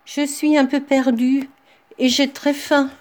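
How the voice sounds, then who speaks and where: Kindly tiny magic man from a storybook, high and lilting; woman reader puts him on. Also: little pitch movement, slow pace, darkish tone. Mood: plaintive. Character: small lost magical little man, kindly.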